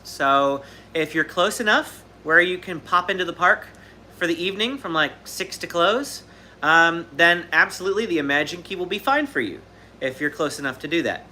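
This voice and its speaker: The host's voice sits on the high side, bright and forceful, with slight noise in the background. He's a Southern Californian in his thirties fielding questions on a livestream, speaking casually and wandering through fillers and restarts.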